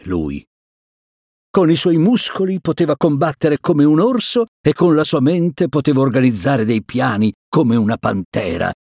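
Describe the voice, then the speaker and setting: A man reads a children's storybook aloud with a very animated, sing-song voice. He takes his time with the words. The recording is close and dry. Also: medium pitch, breathy edge, no echo. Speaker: narrator. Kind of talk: storybook reading.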